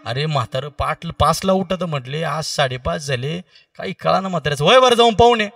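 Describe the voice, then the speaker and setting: Man doing old woman, shrill, wailing, high, loud, distant mic. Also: lively intonation, brisk, creaky, exaggerated voice. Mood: fussing, calling. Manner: shrill, wailing, half sung in grief. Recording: distant mic with faint music.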